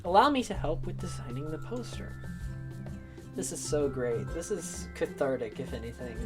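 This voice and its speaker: A woman reading a visual novel aloud as the narrator, with expressive, playful asides between the lines. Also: deep voice, moderate pace. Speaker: let's play host. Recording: music playing behind.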